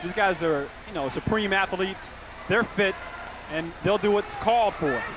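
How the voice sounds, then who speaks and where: High-pitched male color commentator. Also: moderate pace, poor audio. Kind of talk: live sports analysis.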